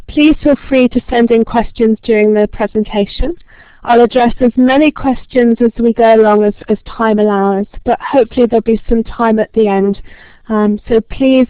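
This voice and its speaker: A woman who talks quickly, with frequent ums, presents a lecture-style webinar and welcomes a large online audience. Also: on the high side, dry recording. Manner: fast-talking, friendly, many ums. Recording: tinny phone-line sound, dry.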